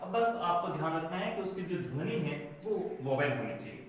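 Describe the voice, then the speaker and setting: A male teacher with a Rajasthani Hindi accent walks students through a grammar rule at the board. His voice sits high, and he keeps putting questions to the class and answering them himself. The sound is very echoey, picked up from a distance across the room. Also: big pitch swings, a little fast, a little hiss or hum. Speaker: school English teacher. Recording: echoey classroom, mic far away.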